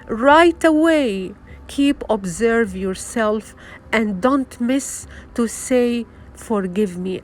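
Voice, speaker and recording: Woman, Arabic first language, spiritual self-help speaker; unhurried, gentle, earnest, repeats phrases and restarts often. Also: medium pitch. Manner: soft, earnest, repetitive, with frequent restarts. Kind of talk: motivational monologue.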